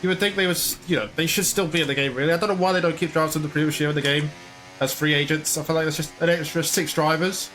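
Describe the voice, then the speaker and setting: A man's voice: on the high side, fairly even intonation, fast talker, fairly bright tone, slight background noise. A man casually commentating his own racing game play, chatty and rambling, sometimes slipping into mock broadcast commentary. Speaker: gaming YouTuber.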